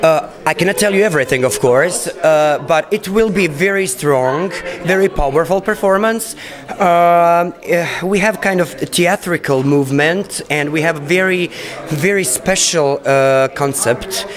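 A man's voice: a little high, a little slow. A man answering interview questions in a small indoor room, earnest and repeating words for emphasis. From Bosnia and Herzegovina. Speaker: singer being interviewed.

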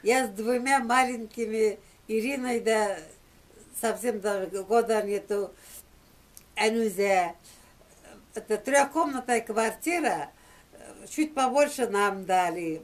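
A woman's voice: mid-range voice, slow, pauses often, distant mic. A woman in her seventies casually telling an anecdote, recorded by a camera in a small room at home. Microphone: camera a short distance away.

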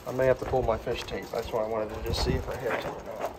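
A man's voice: medium pitch, flat delivery, fast. A man in his thirties explaining his electrical work in a matter-of-fact way while he works inside a large pole barn. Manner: plain, practical, matter-of-fact. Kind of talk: casual explanation while working. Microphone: phone camera held nearby. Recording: noisy barn ambience.

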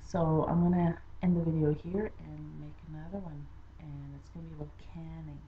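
A woman's voice: low voice, little pitch movement, brisk, phone-quality sound, a little hiss or hum. A woman from Saskatchewan chatting casually to her channel as a vlogger, upbeat and rambling with fillers. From Saskatchewan, Canada. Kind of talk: casual chat to camera.

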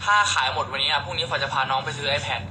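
A man's voice: fairly high pitch, steady tone, quick pace, over music. Chatty young man selling on a livestream. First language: Khmer. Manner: chatty, reads out viewer comments, playful. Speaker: live-stream seller. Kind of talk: casual live-stream selling chat. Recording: echoey room with background noise.

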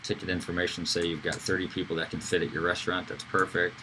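Deep-voiced man walking through a tutorial. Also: little pitch movement, fast talker, bright, forceful tone, a little hiss or hum, poor audio. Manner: casual, with fillers and self-corrections. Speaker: instructor. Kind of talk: screen-recorded software tutorial.

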